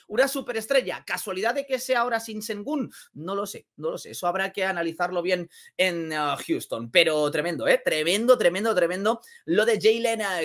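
A man with a Spain Spanish accent giving casual basketball commentary, energetic and exclamatory, repeating phrases for emphasis. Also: high voice. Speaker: basketball vlogger.

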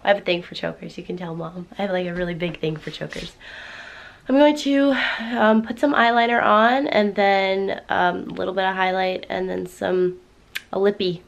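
Chatty teen girl with vocal fry. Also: medium pitch, moderate pace. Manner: chatty and excitable, talks to viewers as "guys". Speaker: vlogger. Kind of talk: get-ready-with-me vlog chat. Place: home while getting ready.

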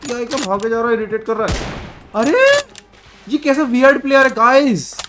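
A man's voice: extremely high pitch, a little fast, very noisy. A young man, sick with a cold and fever, giving casual gameplay commentary and scolding an enemy player. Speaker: gaming streamer. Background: game music and gunfire.

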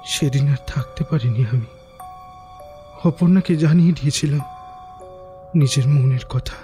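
A man acts out a young man under hypnosis in an audio drama, replying in a flat robotic monotone. The words come very slowly, one after another. His voice sounds dark and soft, with no life in it. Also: fairly high pitch, faint music behind, natural voice. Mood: entranced. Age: young adult. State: entranced, mechanical voice.

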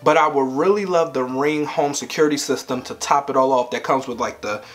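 A young man in his twenties, a vlogger, chats playfully to the camera at home and laughs a lot. His voice sits at a medium pitch and moves along fairly quickly in this casual talk.

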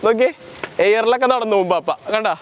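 He has a high voice and a quick pace, with slight background noise in the recording. The speaker is a young male vlogger doing casual DIY narration outdoors, on a street and in a park, chatting playfully while he makes and wears costume puppets.

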